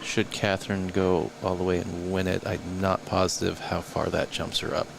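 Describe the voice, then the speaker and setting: A man giving live color commentary on a pool tournament, analytical and measured, sometimes trailing off mid-thought. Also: deep voice, flat delivery, gravelly, background noise.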